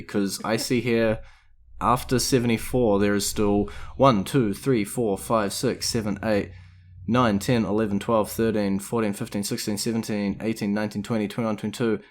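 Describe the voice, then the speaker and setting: A man co-hosting a podcast, chatting casually and rambling about an old film while he looks things up. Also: fairly low pitch. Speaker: podcast co-host. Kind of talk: casual film review chat.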